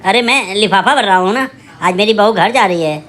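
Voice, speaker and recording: A woman voicing an older father-in-law who fondly and gently insists on giving an envelope of money. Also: medium pitch, brisk, over music, voice pushed down, close to an everyday voice.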